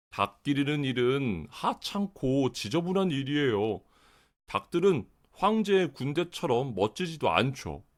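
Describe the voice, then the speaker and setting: Male narrator as an unhappy storybook farmer, medium-pitched, plaintive, with expressive, precise delivery.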